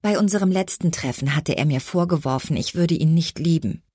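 A woman reading a first-person audiobook in a measured, expressive storytelling manner. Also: sits low, slightly rough, no room sound, studio quality. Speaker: audiobook narrator.

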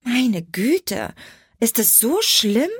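A woman's voice: on the high side, very animated, drawn-out words, slightly rough, no echo, clean studio sound, voice pushed up, heavily acted. Woman voicing a bubbly confident schoolgirl. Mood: cheery. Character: cheerful, self-assured teenage schoolgirl.

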